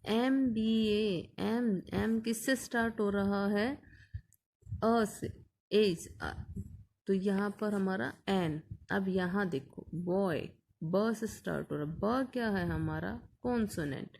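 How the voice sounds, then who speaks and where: A woman's voice: medium pitch, slow pace, vocal fry, darkish tone. A woman teacher explaining an English grammar lesson patiently, asking questions and answering them herself.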